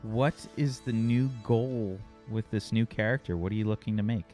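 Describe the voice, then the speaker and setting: A man's voice: on the low side, normal speed, warm tone, soft background music. A man running a tabletop game as game master, talking in a casual, joking, conversational way.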